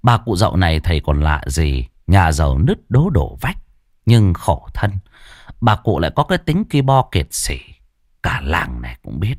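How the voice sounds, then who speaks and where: Male narrator for a ghost story: deep voice, lively dramatic reading, dry close sound. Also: moderate pace, no room sound.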